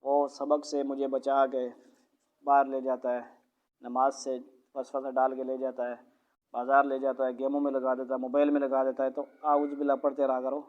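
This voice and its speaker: A woman with a Pakistani Urdu accent teaching a child Quran recitation, drilling syllables slowly and correcting pronunciation. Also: extremely low pitch, level tone. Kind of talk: one-on-one recitation lesson. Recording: muffled lo-fi recording.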